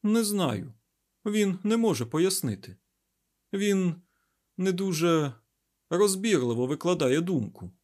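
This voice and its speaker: A man voicing an agitated male scientist in an audiobook, loud and urgent. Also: sits high, animated, slow, long pauses, pitched above the performer's own voice. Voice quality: loud, raised, breathless urgency. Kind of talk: audiobook character voice.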